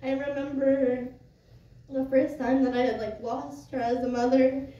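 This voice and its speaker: A young woman giving a personal eulogy to mourners, speaking tenderly and informally, with halting pauses. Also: high voice, little pitch movement, dark tone. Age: young adult. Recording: echoey room, distant muffled mic, noisy.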